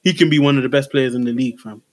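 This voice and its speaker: A man's voice: medium pitch, fairly even intonation, rapid-fire. Young London roadman-accented man, emphatic and slangy. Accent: London, urban roadman slang. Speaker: football podcast co-host. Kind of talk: casual sports chat.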